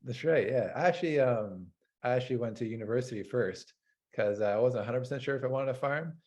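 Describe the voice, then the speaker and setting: A man's voice: medium pitch, quick pace, darkish tone. A man from North America, a dairy farmer hosting an interview, talking in a hesitant, rambling way with lots of fillers. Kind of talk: casual interview chat.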